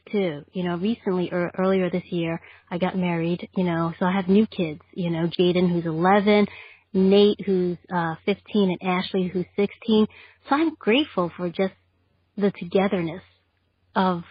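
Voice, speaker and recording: Woman, 40s, from New York, husky low voice, halting and heartfelt, dry muffled call audio. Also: no room sound. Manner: heartfelt, halting, with many fillers. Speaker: podcast guest. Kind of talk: casual chat.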